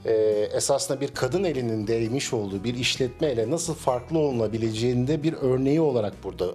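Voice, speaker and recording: Measured middle-aged man, cafe owner. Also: mid-range voice, darkish tone, faint music behind. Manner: measured, with frequent hesitation fillers. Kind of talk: business interview. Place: small cafe indoors. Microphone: handheld interviewer mic.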